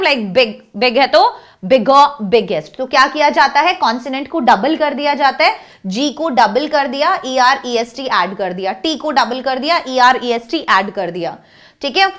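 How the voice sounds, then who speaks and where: A woman's voice: high voice, a bit bright. A young woman teacher with an Indian accent, teaching a grammar lesson in a mix of Hindi and English and often checking that the class understands. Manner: mixes Hindi and English, drawls example words slowly, then explains in quick bursts.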